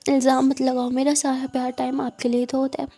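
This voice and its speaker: A woman's voice: high-pitched, completely flat delivery, fairly quick, warm tone. Geeta, a woman reading as a teasing lawyer wife.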